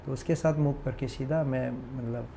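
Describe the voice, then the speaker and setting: A man's voice: mid-range voice, fairly even intonation, normal speed, gravelly, background noise. A man, a guest on a talk show, telling a personal story in an earnest, hesitant, reflective way.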